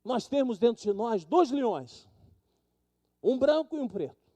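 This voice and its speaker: A man's voice: very high voice, very animated, measured pace, mellow. A Brazilian pastor preaching a sermon, who acts out the people in his stories with dramatic swings of voice. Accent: Brazilian Portuguese. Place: church sanctuary.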